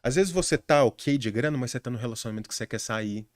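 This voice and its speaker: A young adult man with a Brazilian Portuguese accent appears as a podcast guest, earnestly sharing study advice in casual conversation and frequently restarting his sentences. His mid-range voice is fast, captured with studio quality and no room sound.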